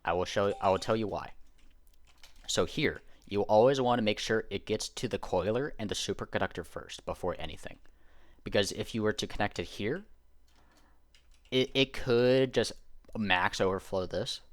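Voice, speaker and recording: A man's voice: fairly low pitch, moderate pace, no room sound. A man giving a casual game tutorial, explaining step by step and correcting himself as he goes. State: hiccuping. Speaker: gaming YouTuber.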